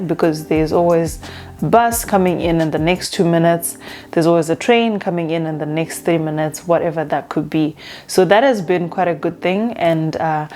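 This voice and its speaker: A young woman from Zimbabwe, chatting casually in a vlog with a relaxed manner and frequent fillers. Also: on the low side. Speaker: vlogger. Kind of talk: casual talking-to-camera vlog.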